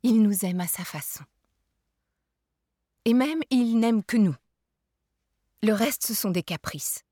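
A gentle, patient mother talking softly to her child, as a woman reads her part in a storybook. Her voice slips into hushed near-whispers and stays close and dry, with no room around it. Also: medium pitch, husky, no echo. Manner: soft, hushed, dropping to whispers.

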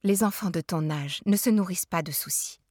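A gentle, patient mother talking softly to her child, as a woman reads her part in a storybook. Her voice slips into hushed near-whispers and stays close and dry, with no room around it. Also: fairly low pitch, brisk, no room sound, close to an everyday voice. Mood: tender. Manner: soft, hushed, dropping to whispers.

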